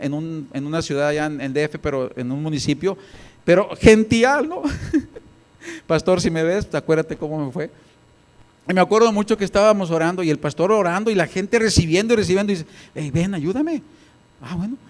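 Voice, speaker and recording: Animated Mexican preacher, high voice. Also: male voice. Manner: animated storytelling with acted voices. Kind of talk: sermon. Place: church.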